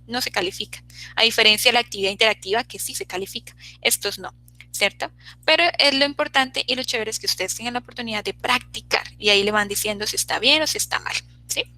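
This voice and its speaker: A woman's voice: mid-range voice, pushed and bright, low-quality recording. A woman teaching an online English class, checking in constantly with her students as she explains.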